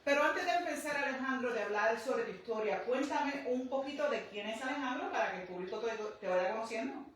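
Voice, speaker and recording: A woman's voice: on the high side, lively intonation, a little fast, few pauses, slight background noise. A woman hosting a livestream interview, speaking earnestly to an online audience. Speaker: host. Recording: very echoey room, far from mic.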